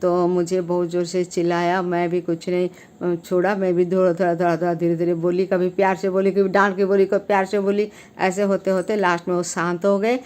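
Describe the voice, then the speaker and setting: A woman hosting her channel, giving an earnest talk to camera on civic duty. She speaks emphatically, with frequent rises in pitch and loudness, and hesitates with fillers and restarts between phrases. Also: little pitch movement, brisk.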